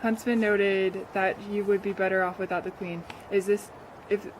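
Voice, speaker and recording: A woman playing a grieving friend of a slain queen, a sly orator who speaks haltingly, in an amateur play. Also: mid-range voice, flat delivery, slight background noise, close to an everyday voice, rough recording. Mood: mournful. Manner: halting, hesitant speech-making.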